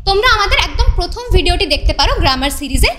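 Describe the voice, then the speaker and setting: A woman's voice: very high-pitched, big pitch swings. A woman teaching an English grammar lesson to students, explaining rules patiently step by step and asking the class questions. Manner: reads English example sentences slowly. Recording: echoey room with faint noise.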